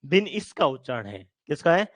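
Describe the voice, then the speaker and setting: A male teacher giving a phonetics lesson, asking questions and answering them himself, repeating sounds slowly. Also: on the high side, very animated, a bit bright. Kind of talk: Hindi grammar lesson.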